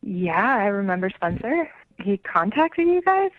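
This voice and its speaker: A woman's voice: medium pitch, big pitch swings, a little slow, no room sound. A woman heard over the phone on a radio show, answering questions in a hesitant, guarded way. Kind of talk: casual phone conversation. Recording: narrow tinny phone line.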